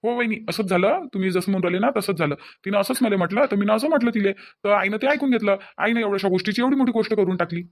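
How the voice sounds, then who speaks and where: A man's voice: sits high, fast talker, hardly any pauses, no room sound. A man voicing a defensive young Varhadi son. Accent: Varhadi Marathi. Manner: defensive, apologetic. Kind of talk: cartoon voice acting.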